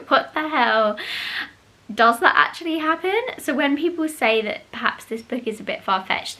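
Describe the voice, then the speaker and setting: A woman's voice: on the high side, pushed and bright. A woman chatting casually to camera as a vlogger recommending things, informal and a little short of breath. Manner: chatty, informal, talks quickly by own account. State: slightly breathless from pregnancy. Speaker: YouTuber presenting book recommendations.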